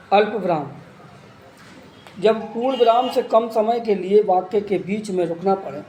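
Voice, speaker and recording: A man's voice: sits high, mellow, slight background noise. A man teaching an exam-prep grammar lesson, listing terms and examples one by one. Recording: echoey room with faint ambience.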